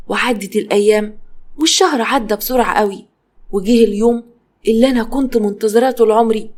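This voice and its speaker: A woman's voice: on the high side, darkish tone. A woman with an Egyptian Arabic accent narrating a first-person story in a chatty way, turning to her listeners now and then. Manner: chatty, addresses listeners directly.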